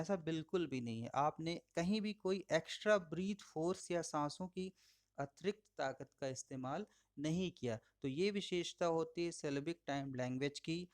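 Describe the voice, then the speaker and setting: A man giving a recorded audio lecture, explaining patiently, addressing listeners as friends and slowing down to model words. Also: on the high side, smooth. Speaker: English teacher.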